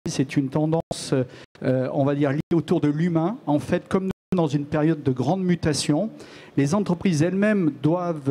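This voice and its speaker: Hesitant mellow-voiced man on a panel. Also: on the high side. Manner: hesitant, with frequent restarts and repeated words. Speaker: association president, panel guest. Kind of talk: panel discussion answer.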